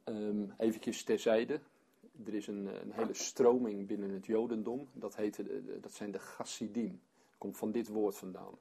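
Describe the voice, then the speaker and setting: A man's voice: fairly low pitch, fairly even intonation, moderate pace, gravelly, dark tone, slight background noise. A man leading a Bible study for a small group, reading scripture aloud and then explaining it as he thinks aloud.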